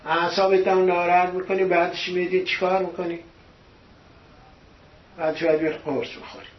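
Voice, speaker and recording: Man, fairly high voice, preaching a sermon, rhetorical questions, echoey dull lo-fi recording. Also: little pitch movement, slight background noise. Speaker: religious teacher.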